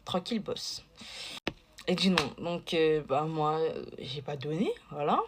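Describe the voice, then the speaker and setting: A woman's voice: deep voice, a little slow, background noise. A woman telling a casual story to camera, chatty and digressive, full of fillers and asides.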